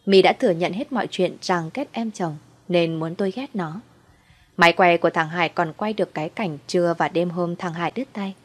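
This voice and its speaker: A woman's voice: fairly low pitch, brisk. A woman narrating a first-person family drama story, telling it through the husband's eyes.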